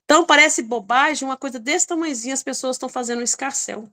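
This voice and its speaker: A woman sharing lively, anecdotal stories in a casual group discussion. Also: high-pitched, fast talker.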